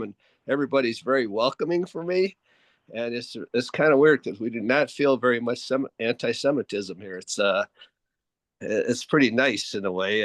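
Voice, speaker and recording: A man's voice: medium pitch, fairly bright tone, no room sound. A man from Ohio speaking in an online group discussion, rambling and hesitant, with many fillers and restarts. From Ohio, USA. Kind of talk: casual chat. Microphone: video call.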